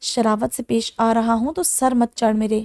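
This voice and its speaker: A woman's voice: on the high side, level tone, a little mellow, no echo, studio quality, natural voice. A woman voicing a hot-tempered, mocking young man in a romance audiobook. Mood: harsh. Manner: harsh, mocking.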